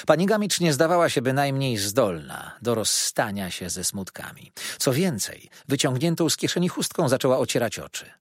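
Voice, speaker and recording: A man narrating a novel in the first person, reading in an expressive, lively storytelling manner. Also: medium pitch, slightly rough, dry recording, studio quality. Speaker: audiobook narrator.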